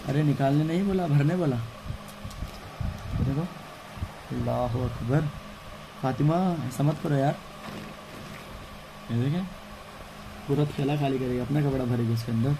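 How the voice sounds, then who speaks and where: A young man talking fondly and chattily to the camera at home, gently scolding a toddler. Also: mid-range voice, steady tone, moderate pace, long pauses. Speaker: family vlogger. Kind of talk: casual home vlog chat. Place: home room with babies. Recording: noisy home phone recording.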